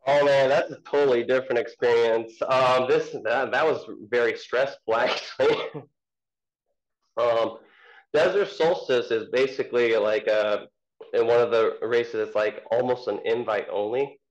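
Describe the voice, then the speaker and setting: A man's voice: mid-range voice, steady tone, normal speed, muffled recording. A man, an ultrarunner guest, answering interview questions in a casual, hesitant way with many ums and restarts.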